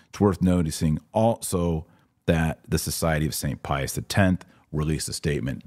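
Recorded through a webcam setup, a middle-aged podcast host offers religious commentary in an extremely low, darkish voice. He talks straight to his viewers, earnest and emphatic, leaning hard on key words.

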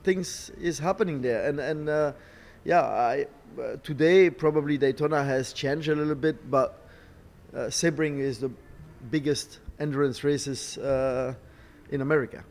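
A middle-aged man, not a native English speaker, answering interview questions haltingly, searching for words and repeating phrases. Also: on the high side, darkish tone. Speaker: racing team boss, former driver. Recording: clear background noise, ambient sound.

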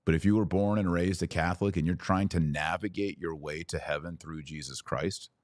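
Low-voiced and darkish in tone, the male host of a podcast gives a fervent religious speech, urging his audience emphatically through repeated phrases and rhetorical questions. The studio-quality recording carries no room sound.

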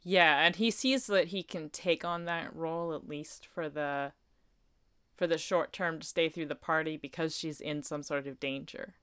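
A young adult woman co-hosting a casual TV recap chat, animated and joking as she talks through scenes. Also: deep voice, moderate pace, smooth, no room sound, studio quality. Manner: animated, shouts quoted lines, self-deprecating jokes.

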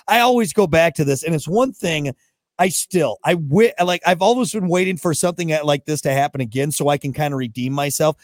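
A man's voice: fairly high pitch, brisk, no echo. A man co-hosting a podcast, ranting and telling stories in casual banter. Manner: ranting, animated storyteller. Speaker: podcast co-host. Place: podcast studio.

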